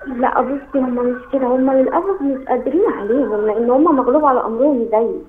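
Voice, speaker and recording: A young Egyptian woman calling in by phone, talking in a rushed, upset and halting way. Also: sits high, slight background noise. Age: young adult. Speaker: caller. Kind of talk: phone call to a live show. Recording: tinny phone line.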